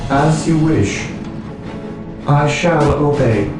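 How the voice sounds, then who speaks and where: An actor playing a booming, metallic-sounding armored war machine soldier who answers orders in a slow, solemn way in a strategy game. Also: male voice, animated. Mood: obedient. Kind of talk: strategy game unit responses. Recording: echoey voice heard from far back. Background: loud game music.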